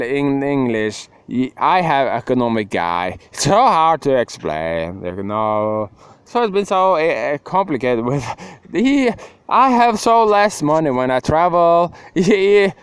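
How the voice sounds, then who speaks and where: A man's voice: fairly high pitch, clear, resonant tone, no echo. A young man rambling emotionally to the camera in a casual monologue, breaking into laughs and sudden outbursts. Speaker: vlogger.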